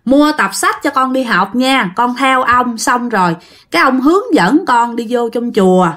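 Brief: woman playing an old shaman, soft coaxing delivery, Southern Vietnamese accent, spoken ghost story. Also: a little high, lively intonation, unhurried. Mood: gentle. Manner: gentle, soothing, coaxing. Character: old male village shaman, calm and coaxing.

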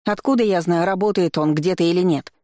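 A reader voicing a loud, stout middle-aged woman who shrieks her complaints indignantly at an investigator. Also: mid-range voice, brisk, dry recording, clean studio sound, close to an everyday voice. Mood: shrill indignation.

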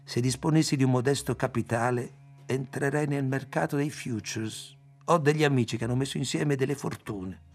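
A man's voice: mid-range voice, normal speed, a little mellow, faint music behind, natural voice. A man reading aloud as a self-assured young man who boasts about business schemes. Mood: boastful.

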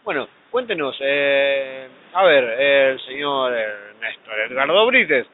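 A man's voice: medium pitch, expressive, takes it slowly. A man interviewing two poets, asking playful, rambling questions. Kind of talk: casual interview. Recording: tinny phone-like sound, background hiss.

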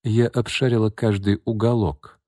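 A composed young heiress who speaks in a quiet, steady, low voice, as a male narrator reads her. The tone is husky and even, recorded dry and close. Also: normal speed, no room sound, natural voice. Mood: calm.

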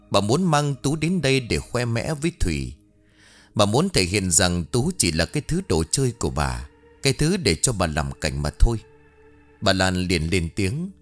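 Low-voiced guy telling a spooky story, very animated, soft music behind. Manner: dramatic, expressive. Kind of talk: audiobook horror story narration. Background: faint music.

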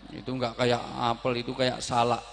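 A man giving a humorous sermon, joking and bursting into sudden loud outbursts. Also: mid-range voice, monotone, moderate pace, vocal fry, long reverb tail, a little hiss or hum. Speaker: preacher.

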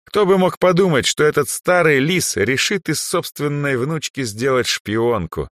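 A man's voice: a little high, expressive, measured pace, a bit bright, no room sound, clean studio sound, voice pushed up. A man voicing an aging male archmage who sighs, lectures and sometimes snaps in anger. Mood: wry. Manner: sighing, lecturing, flares into anger. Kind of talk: audiobook character voice.

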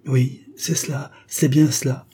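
A man reading an audiobook voices a simple village woman excitedly telling the news of an accident, his voice pitched well above his own. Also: measured pace, a little hiss or hum, lightly acted. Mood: eager telling.

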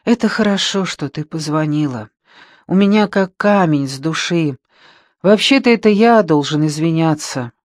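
A man reading the part of a gentle, remorseful young man who speaks in a hesitant, subdued way. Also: fairly high pitch, expressive, normal speed, dry recording, clean studio sound, natural voice. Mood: troubled.

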